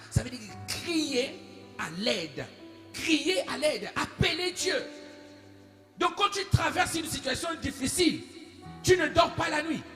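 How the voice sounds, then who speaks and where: A man preaching a sermon as a pastor, telling a story, swinging between hushed asides and shouted declarations. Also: very high-pitched. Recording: echoey room with faint music.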